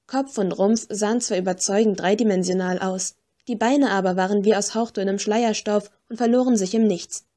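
Warm-toned woman narrating a story. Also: medium pitch, steady tone, moderate pace. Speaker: audiobook narrator. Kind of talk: scripted first-person narration.

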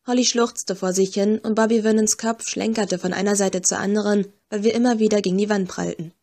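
A woman narrating a first-person audiobook with measured, tense storytelling. Her voice sits at a middle pitch for a woman. She reads steadily through the scene. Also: steady tone, darkish tone.

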